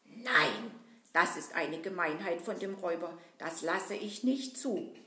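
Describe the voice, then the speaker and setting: A woman voicing a gentle, anxious Easter bunny in a children's puppet show, soft and plaintive. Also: fairly low pitch, lively intonation, measured pace. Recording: roomy echo.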